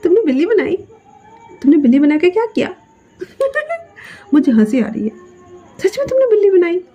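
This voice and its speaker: A woman's voice: fairly high pitch, brisk, mellow, breathy edge. A woman doing a pushy, teasing young man. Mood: mocking. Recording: dull lo-fi sound.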